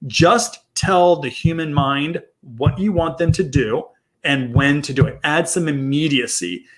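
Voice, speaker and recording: A man with a fairly high speaking voice explains marketing ideas in a loose, conversational way. He circles back, repeats phrases and restarts sentences as he talks. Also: a little slow. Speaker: co-host, marketing consultant. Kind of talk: casual podcast chat.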